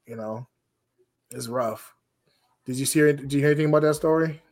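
A man hosting a casual podcast in a raspy, rough voice, hoarse from getting over a cold, talking informally with plenty of you-knows. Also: mid-range voice, moderate pace, darkish tone. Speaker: podcast host.

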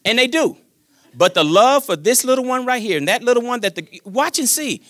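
A grandfather in his fifties preaching a sermon in a folksy, joking manner, swinging between loud declarations and quiet asides. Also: very high-pitched, expressive, fairly quick, no echo. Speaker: pastor.

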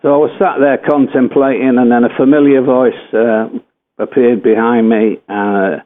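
A man's voice: medium pitch, steady tone, moderate pace. An older English man, a former footballer, telling a rambling anecdote full of fillers and self-corrections. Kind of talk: anecdotal storytelling. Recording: tinny phone-like radio line.

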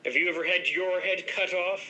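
A man's voice: high-pitched, steady tone, a little fast, sharp tone, highs cut off. A man playing a pompous headless ghost innkeeper. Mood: haughty. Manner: haughty, grandiose, condescending. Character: pompous headless male ghost hotel master. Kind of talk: improv comedy scene.

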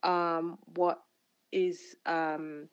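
A woman from Uganda answering interview questions in a casual, thoughtful way, with frequent ums and pauses over a remote call. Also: lowish voice, little pitch movement, clean tone, no echo, muffled recording. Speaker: podcast guest, fashion platform founder.

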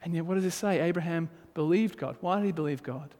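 A man with a slightly high, somewhat mellow voice speaks quickly as a pastor giving a sermon. He reads scripture aloud, then drives his points home with mounting emphasis, and the recording carries a long hall reverb.

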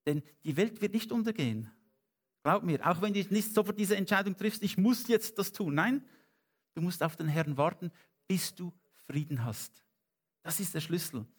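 A man preaching a sermon in German, earnest and pleading, with slow stressed phrases and lifts of emphasis. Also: high-pitched, expressive, slightly rough. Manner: earnest, rising to emphatic peaks.

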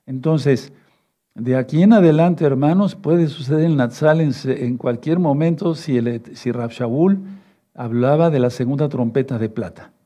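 Dark-voiced male preacher, fatherly. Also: mid-range voice. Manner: fatherly, repeats "no, no, no" and asks "¿sí?"; reads verses slowly and rereads them. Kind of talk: sermon teaching with scripture reading.

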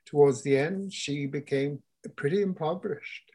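A woman's voice: low voice, moderate pace, dark tone, husky. A woman in her eighties speaking frankly in a casual conversation as a guest, often repeating herself. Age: 80s.

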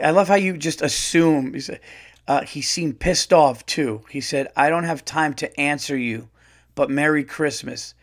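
A middle-aged man hosts a loose comedy podcast, reading listener letters aloud. He reacts bluntly and animatedly, laughing and swearing. His voice sits a bit high for a man. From United States. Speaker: podcast host.

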